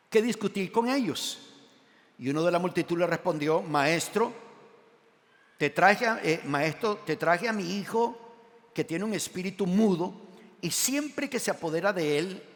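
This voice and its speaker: A man preaching a sermon as pastor, reading scripture aloud and asking the congregation questions. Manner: animated, swinging between loud emphatic lines and quiet low asides. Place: church sanctuary. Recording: long church hall reverb.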